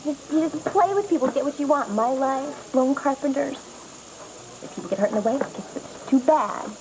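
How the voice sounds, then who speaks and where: A woman's voice: high voice, animated, moderate pace, background noise. An actress playing a young woman who confronts a schemer, indignant and emotional, in a soap opera. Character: young woman caught in lies, desperate, defiant. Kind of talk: 1980s soap opera acting. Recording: TV soap audio with loud music.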